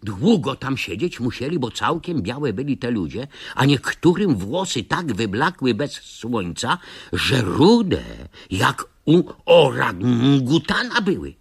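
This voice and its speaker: Lively man reading a comic radio tale. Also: medium pitch, slow pace, creaky, husky. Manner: quirky old-fashioned, broken storytelling grammar; lively, theatrical delivery with sudden shouts. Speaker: radio storyteller. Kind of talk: comic first-person story reading.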